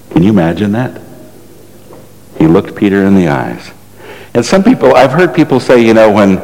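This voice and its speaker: A man with a very low voice preaches a sermon, telling the story in a casual, conversational way. He keeps turning to the congregation with rhetorical questions. His voice rings out with a long hall reverb. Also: a little mellow.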